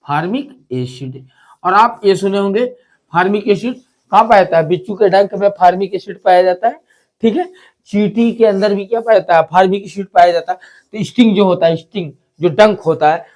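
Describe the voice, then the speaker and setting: A man's voice: high voice, darkish tone. A man teaching a chemistry lesson, repeating key terms and asking and answering his own questions. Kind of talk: classroom lesson explanation.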